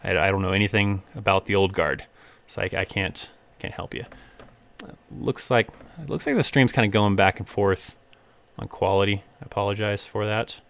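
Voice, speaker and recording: A man's voice: lowish voice, normal speed, creaky, fairly bright tone, smooth. A young man hosting a casual live-stream Q&A, reading viewer questions aloud and rambling through answers with easy laughs.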